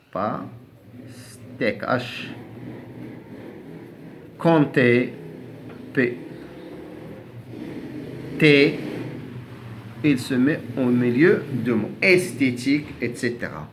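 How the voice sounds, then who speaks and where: A man teaching a lesson, saying words slowly, repeating them and spelling out letters, with frequent hesitations and restarts. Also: medium pitch, lively intonation, slight background noise. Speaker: French teacher. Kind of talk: classroom lesson on silent letters.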